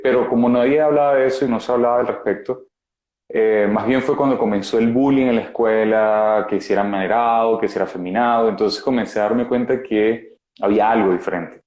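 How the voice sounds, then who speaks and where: A man in his thirties with a Venezuelan accent, a guest speaking frankly and haltingly about his past over a video call. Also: mid-range voice, steady tone, a little mellow, echoey room. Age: 30s. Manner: frank, halting, many fillers. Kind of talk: candid personal testimony.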